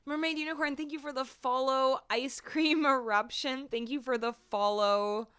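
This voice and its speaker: A woman's voice: high voice, steady tone, a little slow, a bit bright, clean tone. A woman with a Canadian accent chatting casually on a music livestream, thanking viewers in a cute, gushing way. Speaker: music streamer.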